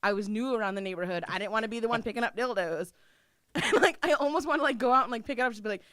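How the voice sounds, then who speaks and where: A young woman telling a funny personal story in casual chat, animated and laughing, with lots of "like". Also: on the high side, racing, dry recording, studio quality. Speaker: guest.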